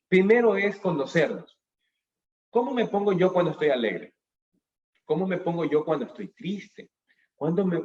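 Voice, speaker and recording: Guy lecturing over a video call, animated, answers his own questions, kinda muffled lo-fi audio. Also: fairly high pitch. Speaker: speaker at a business school talk. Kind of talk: motivational lecture on emotions. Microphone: webcam on a video call.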